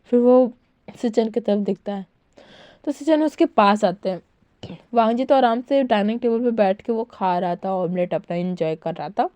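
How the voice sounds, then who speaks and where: A woman's voice: medium pitch, moderate pace, dark tone, no room sound. A woman retelling a fan-fiction story in a chatty, casual way with many fillers.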